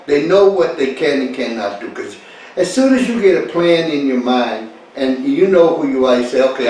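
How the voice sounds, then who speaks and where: A man with a mid-range, slightly dark voice leads an informal, wandering talk for listeners, repeating phrases for emphasis and chuckling easily. The recording is echoey, with a distant mic and faint background noise.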